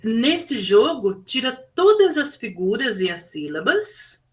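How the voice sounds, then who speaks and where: A woman's voice: fairly high pitch, very animated, slow, poor audio. A woman teacher with a Brazilian Portuguese accent, presenting her classroom project in an explanatory way with frequent fillers.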